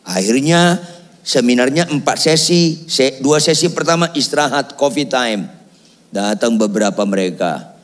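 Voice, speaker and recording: A middle-aged male pastor preaching a lively, joking sermon, quizzing the congregation and at times shouting. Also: mid-range voice, normal speed. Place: large church hall. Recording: long church hall reverb.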